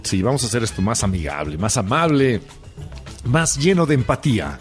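A man's voice: medium pitch, moderate pace, soft background music. A man with a Mexican accent, co-hosting a casual comedy podcast and teasing his partner. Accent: Mexican Spanish. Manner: lively, teasing, drives the countdown. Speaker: podcast co-host.

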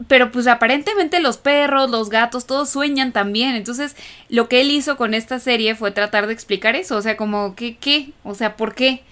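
A woman's voice: on the high side, a bit bright, clean tone. A woman co-hosting a podcast, chatting casually and thinking aloud with many fillers. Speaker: podcast co-host.

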